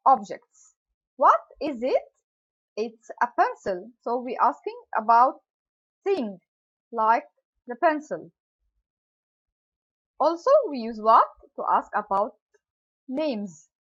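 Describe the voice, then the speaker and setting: In an English grammar lesson, a woman teacher with a high, fairly bright, breathy voice carefully explains question words to young pupils, acting out sample questions and answers. The highs in the recording are cut off.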